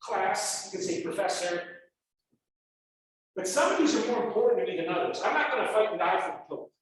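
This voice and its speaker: Animated American man lecturing a class. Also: sits high, fairly quick. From United States. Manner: animated, acts out examples. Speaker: university professor. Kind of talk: online lecture. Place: indoors, remote class. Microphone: video call. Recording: echoey video call audio.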